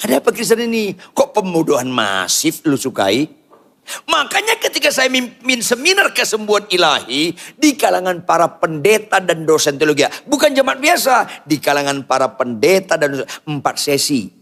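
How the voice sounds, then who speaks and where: An older man preaching a sermon in church, firing rhetorical questions at the congregation and swinging from quiet asides to loud outbursts. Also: sits high, big pitch swings, moderate pace. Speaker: pastor.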